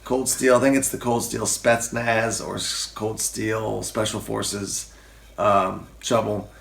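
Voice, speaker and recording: Casual male host with some gravel, joking through TV commentary. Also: lowish voice, level tone, takes it slowly, fairly bright tone, echoey room. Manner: jokey, acts out quotes in silly voices.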